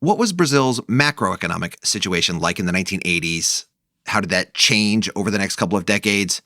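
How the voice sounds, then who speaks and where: Deep, lively-voiced male podcast host. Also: a little fast, dry recording, studio quality. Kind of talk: scripted podcast narration and interviewing.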